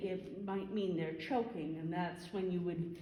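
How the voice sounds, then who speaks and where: A woman instructor giving an informal hands-on first aid demonstration, explaining step by step and halting as she thinks. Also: on the low side, fairly even intonation, mellow. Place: large reverberant room. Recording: echoey hall, faint background noise.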